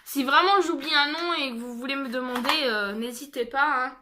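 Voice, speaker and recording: A woman's voice: sits high, normal speed, noisy background. A young woman chatting casually in a haul video, with lots of fillers and restarts. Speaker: haul vlogger.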